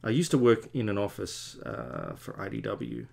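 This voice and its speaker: With a fairly low, slightly mellow voice and some vocal fry, this comic artist in his forties is very animated yet speaks at normal speed. He rambles casually and self-deprecatingly to stream viewers as he draws at his home studio desk.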